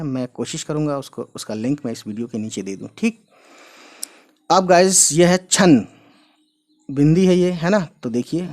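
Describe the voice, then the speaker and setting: Male teacher of mid pitch running a relaxed step-by-step script lesson, mixing in English phrases. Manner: explains step by step, repeating each sound and using many fillers. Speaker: Urdu teacher. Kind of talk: casual whiteboard lesson.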